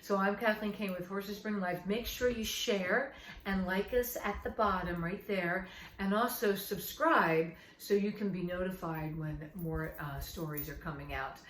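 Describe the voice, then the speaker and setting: A woman's voice: medium pitch, measured pace, recorded from a distance, a little hiss or hum. Woman host in echoey room. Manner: brief encouraging interjections. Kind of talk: live interview. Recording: echoey room with faint music.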